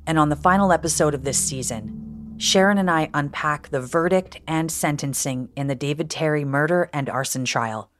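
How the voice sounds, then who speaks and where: A woman's voice: low voice, dry recording, studio quality. A woman hosting and narrating a true crime podcast in a scripted style.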